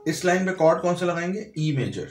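A man's voice: high-pitched, lively intonation, brisk, reverberant. A man teaching a piano lesson, explaining step by step, counting and naming notes aloud. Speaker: music teacher. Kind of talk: piano tutorial.

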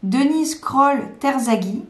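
A woman's voice: high voice, expressive, slow pace, echoey room. A woman from France chatting casually to camera at home, hesitant, with many fillers and restarts. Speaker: vlogger presenting planners. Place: home room.

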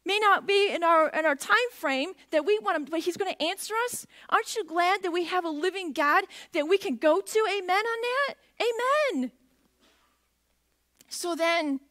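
A woman's voice: very high voice, animated, normal speed, fairly bright tone. A middle-aged woman preaching a sermon in a church, talking conversationally and putting questions to the congregation. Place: church sanctuary.

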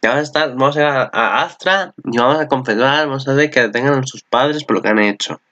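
A man's voice: medium pitch, fast talker, pushed and bright, lo-fi sound. A man with a Spanish accent from Spain giving casual, rambling reaction commentary on an anime, swearing often.

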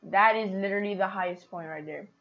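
Excitable woman narrating her gameplay. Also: medium pitch, quick pace, muffled recording. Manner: chatty, excitable, talks to viewers. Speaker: gaming streamer. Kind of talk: casual gameplay commentary.

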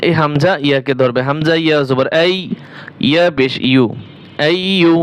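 A man teaching Quran reading, spelling out letters and vowel marks one by one, then chanting each verse in long drawn-out tones. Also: on the high side, clean tone, dry recording.

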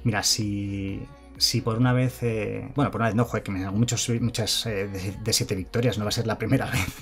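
Chatty low-voiced man streaming a card game. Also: fairly even intonation, fairly quick, soft background music. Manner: chatty, reads chat aloud and thanks followers. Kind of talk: live card game commentary.

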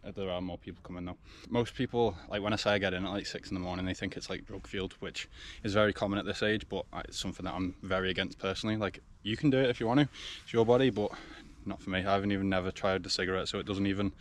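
A man's voice: sits low, fairly even intonation, racing, hardly any pauses. A man in his twenties with an English accent, chatting casually to a camera as a fitness vlogger. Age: 20s. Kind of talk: casual vlog chat. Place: outdoors in a forest. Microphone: action camera. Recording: faint outdoor background noise.

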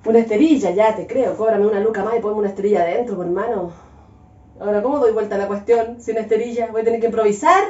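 In her home kitchen, a young Chilean woman vlogs as she cooks, joking through exasperated rants punctuated by laughs. Her mid-range voice is mellow and her pace quick. The recording is echoey and dull-sounding.

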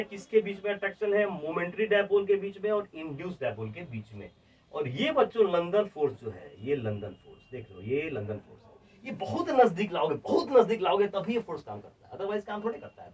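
The speaker is a man with a high, husky voice: a chemistry teacher from India whose Hindi carries a Bihari accent. Lecturing with emphasis and energy, he repeats each point, calls the students children again and again, and dictates notes word by word, all captured in distant, dull, lo-fi classroom sound.

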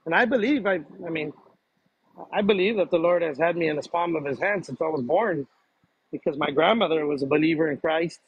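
A man with a fairly high, husky voice, answering questions in a casual chat. He talks hesitantly, repeats his words and breaks into easy laughs. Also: brisk, highs cut off. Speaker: interviewee. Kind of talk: casual conversation.

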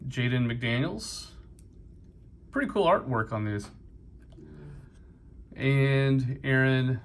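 There's slight background noise as a middle-aged man with a New England accent, a card-collecting vlogger, opens trading card packs in a busy convention hall. His mid-range voice is expressive and slow, his casual commentary upbeat and peppered with fillers.

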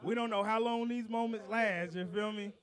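At an outdoor backyard show, a male rapper jokes around with his audience between songs, talking loosely and excitedly in quick, profane bursts. His voice is high-pitched and clean, and the exchange is casual banter with the live crowd.

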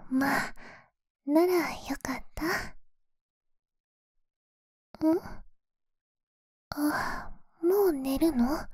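ASMR role-play, pillow talk: woman as timid, affectionate young beast-eared girl, high breathy voice, very dry close recording. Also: very slow, dry recording. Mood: gentle, drowsy. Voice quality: breathy soft voice. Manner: soft, intimate, hesitant pillow talk. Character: shy, once wary young animal-eared girl, now affectionate. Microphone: close, dry microphone.

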